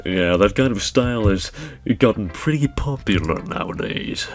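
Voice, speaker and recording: A man's voice: fairly low pitch, lively intonation, normal speed. Man doing a whispery sinister girl villain. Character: sinister young female literature club president. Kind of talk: video game voice-over.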